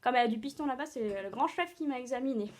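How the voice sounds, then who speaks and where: A woman acts out a self-pitying aunt who relishes every gory detail of her illnesses. Her voice sits high and she rushes on breathlessly from one complaint to the next, with plenty of fillers. It is theatrical, stage-style acting. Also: lightly acted. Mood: dramatic. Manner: breathless, dramatic storytelling with many fillers. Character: chatty hypochondriac older aunt on a video call. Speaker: drama student.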